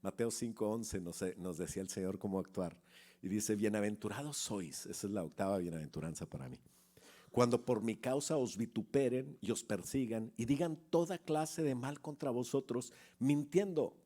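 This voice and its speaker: A man's voice: lowish voice, moderate pace, mellow. A middle-aged man preaching a sermon as pastor, chatting with the congregation, asking questions and acting out little stories. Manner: conversational preacher, asks the congregation questions, acts out anecdotes.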